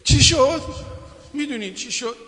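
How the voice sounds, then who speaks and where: A male preacher with a high, bright, ringing voice delivers a sermon and a mourning lament. He is impassioned and climbs higher as he tells the lament, then drops to solemn low-voiced prayers at the close. His voice trails off in a long hall reverb. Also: lively intonation, a little hiss or hum.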